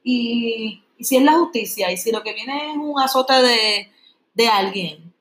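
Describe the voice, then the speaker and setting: A woman's voice: a little high, unhurried, fairly bright tone. A woman voicing a frightened comic male servant who pleads and rambles nervously in a slightly raised voice. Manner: whiny, pleading, rambling questions.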